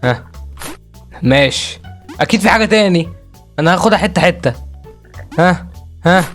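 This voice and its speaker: A young man with an Egyptian Arabic accent doing excitable let's-play commentary as a gaming video host, repeating phrases and crying out. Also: high voice, moderate pace, soft background music.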